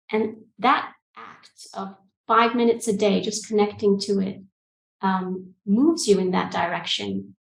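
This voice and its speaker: A woman in her forties, from Egypt and the UK, giving reflective interview answers over a video call, calm and pausing with frequent ums. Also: mid-range voice, creaky. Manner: thoughtful, calm, hesitant with ums. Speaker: guest coach. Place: room with bookshelves. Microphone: earbud mic on video call. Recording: roomy video call audio.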